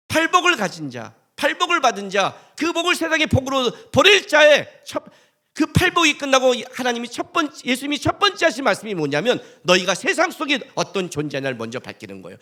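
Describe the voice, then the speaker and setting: Male pastor, high and bright voice, lively conversational sermon, acts out scenes. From South Korea. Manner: animated, acts out drunken quarrels in rough slang; conversational, asks the congregation questions.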